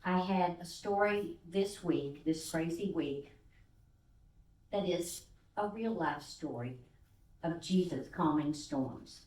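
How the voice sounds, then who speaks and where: Older lady guest speaker telling a sermon story, acts out the voices, mellow tone. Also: lowish voice, slow. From Texas. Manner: animated storyteller who acts out voices, with fillers. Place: church sanctuary. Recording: roomy sound from a distance.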